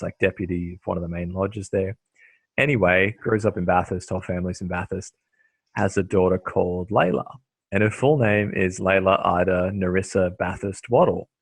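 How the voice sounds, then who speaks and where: A man's voice: deep voice, breathy edge, dry recording. A man hosting a casual interview, rambling along with lots of fillers and restarts. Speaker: host.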